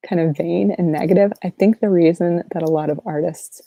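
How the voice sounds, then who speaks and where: A sleep-deprived woman chatting softly and casually as an ASMR livestream host, in a halting, low-energy, rambling way. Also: steady tone, gravelly, dry recording, phone-quality sound. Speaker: ASMR artist hosting a livestream Q&A.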